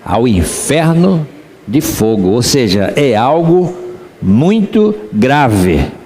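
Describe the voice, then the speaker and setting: A man's voice: medium pitch, sing-song, extremely slow, mellow, long reverb tail, a little hiss or hum. A man pastor with a Rio de Janeiro accent, preaching a sermon in church and asking the congregation rhetorical questions. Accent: Rio de Janeiro Portuguese.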